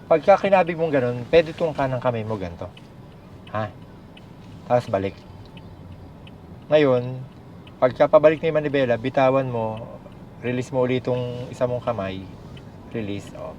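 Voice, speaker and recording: Filipino driving instructor over loud engine noise. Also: male voice, lowish voice. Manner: frequent short commands and tag questions. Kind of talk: hands-on coaching, casual instruction. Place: inside a moving car on the road. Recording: muffled audio with loud car engine noise. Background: engine and vehicle noise.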